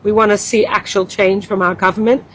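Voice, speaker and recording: A woman's voice: mid-range voice, level tone, fairly quick, fairly bright tone, a little hiss or hum, poor audio. A woman, speaking earnestly and with passion as an interview guest who runs a community center. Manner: earnest and impassioned, rising when quoting others. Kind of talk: emotional interview testimony.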